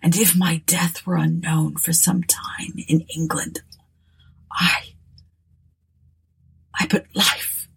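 A woman voicing a dying male nobleman, secretive and fierce, in a hoarse whisper. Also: medium pitch, unhurried, hardly any pauses, darkish tone. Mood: pleading.

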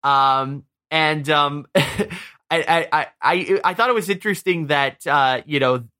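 A man with a slightly higher, bright voice chats about a movie on a podcast. He hedges and restarts often, reaching for words as he goes. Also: a little slow, clear, resonant tone. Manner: hesitant, many fillers and restarts. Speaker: podcast co-host. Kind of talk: casual movie discussion.

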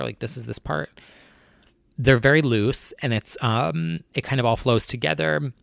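A nervous young man talks alone into the mic, rambling and candid, with plenty of fillers. His voice has a gravelly, creaky edge and sits in a middle pitch. The sound is dry and close, with no room around it. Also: fairly bright tone, dry recording. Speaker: podcast host. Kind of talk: casual solo talk.

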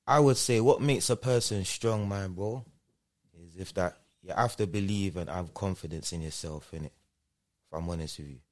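A man with a London roadman accent talks in a fairly low voice as an interview guest. His style is casual street slang. He keeps adding little tags to check the listener follows. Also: moderate pace. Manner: repeats checking tag phrases.

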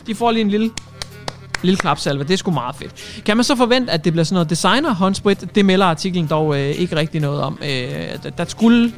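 A man hosting a radio show, delivering a cheeky, jokey news monologue and dropping English phrases into his talk. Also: a little high.

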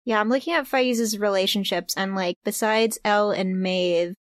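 A woman's voice: medium pitch, fairly even intonation, moderate pace, no echo, clean studio sound. Easygoing woman running a tabletop game. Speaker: game master. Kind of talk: casual role-play table talk.

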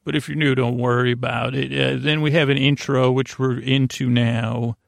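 A podcast host with a creaky voice gives a wandering bedtime talk to lull listeners to sleep, medium in pitch and level in tone. His speech is halting and stammering, trailing off into tangents, soothing but goofy. Recorded at studio quality without echo.

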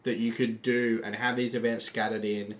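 An Australian man with a medium-pitched voice. He debates casually as a podcast panellist, in loose everyday chat. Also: level tone, moderate pace.

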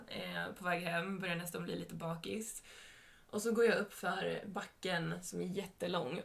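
Young woman with a gravelly voice. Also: fairly low pitch, a bit bright. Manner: retells events in a chatty way with quoted dialogue. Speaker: podcast co-host. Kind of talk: casual storytelling chat.

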